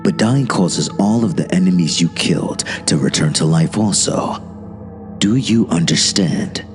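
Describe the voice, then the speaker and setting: A man voicing a smug, deliberate male devil who lectures in a monotone, in a horror story reading. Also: deep voice. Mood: smug lecturing. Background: music.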